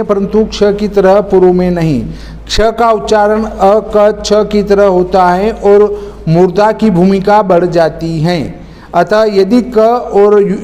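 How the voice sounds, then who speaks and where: A man teaching a spelling lesson, slowly and deliberately spelling out words one by one. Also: high voice, darkish tone. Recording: long reverb, faint noise.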